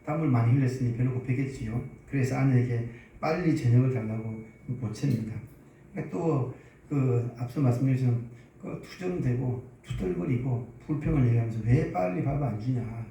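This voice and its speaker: A man's voice: mid-range voice, fairly quick, mellow, slight background noise. A male pastor telling a story in a sermon, often asking the congregation questions. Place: church sanctuary. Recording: echoey church hall, distant mic.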